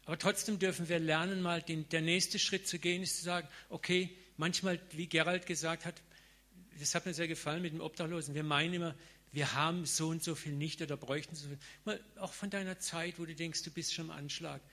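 A man preaches to his congregation in a relaxed, conversational sermon, dropping slang and everyday examples as he goes. His voice sits slightly high for a man, and he sounds middle-aged. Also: a little fast. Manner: informal, colloquial preaching with slang.

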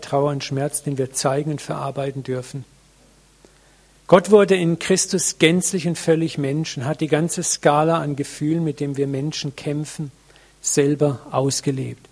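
A man preaching a sermon to a congregation, earnest and reflective, with many pauses, addressing listeners directly. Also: a little high, steady tone, darkish tone.

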